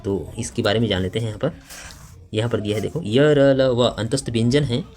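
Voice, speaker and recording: A man's voice: mid-range voice, steady tone, brisk, a little mellow, soft background music. A man teaching a grammar lesson for exam preparation, reading out each question and its options and explaining them step by step with frequent fillers.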